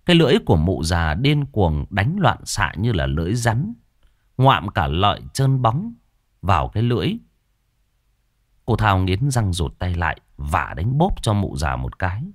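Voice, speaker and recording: A man's voice: low voice, very animated, normal speed, no room sound, studio quality. A man narrating a horror story in a dramatic, suspenseful storytelling voice.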